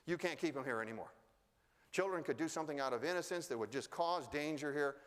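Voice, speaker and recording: A woman's voice: deep voice, lively intonation, quick pace. A man voicing an anxious, insistent woman visitor, quoted in a story told in a large hall. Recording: long reverb of a large hall.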